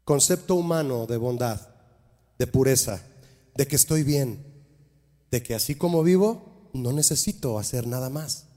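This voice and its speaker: A man's voice: medium pitch, expressive, measured pace, pauses often, mellow. A man preaching a sermon as a pastor, emphatic and full of rhetorical questions to his congregation. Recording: long hall reverb.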